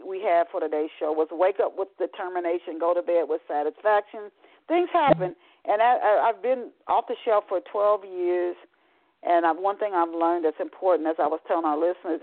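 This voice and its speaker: A woman hosting a talk radio show speaks in a gravelly, fry-laden voice, chatting with frequent restarts and reading from a novel. She comes through a tinny phone line that sounds dry and close. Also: fairly low pitch, no echo.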